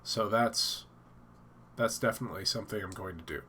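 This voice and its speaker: A man's voice: lowish voice, brisk, pushed and bright, slight background noise. A man hosting a casual live stream from his home office, stuffed up and thinking aloud with many fillers and restarts.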